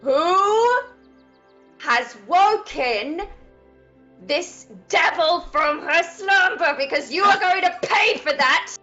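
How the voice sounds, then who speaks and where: A woman voicing a tiefling woman whose voice is magically amplified into a slow, menacing boom. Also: animated, bright, forceful tone, highs cut off, soft background music, exaggerated voice. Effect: magically amplified booming voice. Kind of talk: tabletop roleplay in character.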